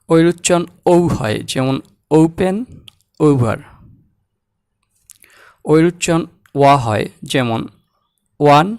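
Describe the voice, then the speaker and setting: A man teaching English pronunciation, saying example words slowly and repeating them. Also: a little high, no room sound, clean studio sound. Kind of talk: slow, deliberate language lesson.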